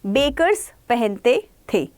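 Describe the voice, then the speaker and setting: A young woman teacher with an Indian accent, giving an online lesson in Hindi mixed with English. She asks and answers her own questions and reads passages out slowly. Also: a little high, very animated, a little mellow, dry recording. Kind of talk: online exam-prep lesson.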